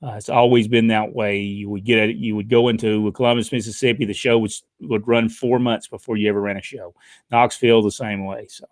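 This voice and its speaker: A man's voice: on the low side, fairly even intonation, fairly quick. An older man with a drawl spins rambling, folksy stories, leaning on plenty of "uh"s as he goes. His voice is captured up close and dry, with no room echo at all. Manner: folksy storytelling with frequent uh fillers. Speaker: podcast host reading viewer questions. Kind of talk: casual chat.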